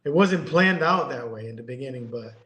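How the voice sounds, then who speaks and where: A man in his fifties from Connecticut, a guest talking in a casual, halting way, with many ums and restarts. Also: mid-range voice, lively intonation, echoey room, crowd noise, rough recording. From Connecticut, USA. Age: 50s. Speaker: guest, airbrush artist. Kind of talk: casual interview chat.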